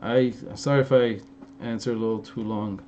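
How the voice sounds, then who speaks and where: Fairly low in pitch, steady and mellow, the young man talks at a moderate pace while answering live chat on a casual stream Q&A. He's from Los Angeles, with an Armenian-influenced American accent and a rambling style full of fillers and restarts. The lo-fi stream audio is a bit dull with faint noise.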